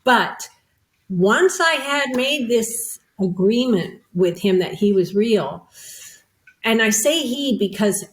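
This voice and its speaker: A woman telling a personal story as a podcast guest, at a middling pitch. She talks in an animated, self-mocking way and slips into the voices of the people she quotes. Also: poor audio.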